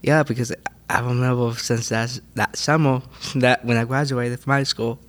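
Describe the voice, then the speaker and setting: A man's voice: medium pitch, steady tone, moderate pace. A man of twenty-one with an American accent, a young actor chatting casually as an interview guest in a theater. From California, USA. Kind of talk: casual chat.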